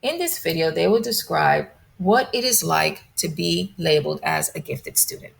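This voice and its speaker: A woman presenting a lecture, reading a prepared script in a measured, deliberate way. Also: deep voice, lively intonation, vocal fry.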